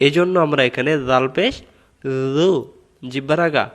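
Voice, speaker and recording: A man teaching the correct pronunciation of a prayer, reciting words slowly and breaking them into syllables. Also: a little high. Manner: slow, drawn-out recitation of Arabic words, repeated syllable by syllable; patient, instructive explanation. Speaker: religious teacher.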